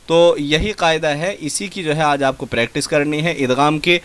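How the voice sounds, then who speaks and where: A man teaching Quran recitation, spelling Arabic words letter by letter and drawing out each syllable, with quick asides in between and a Pakistani Urdu accent. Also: a little high, fairly bright tone, dry recording.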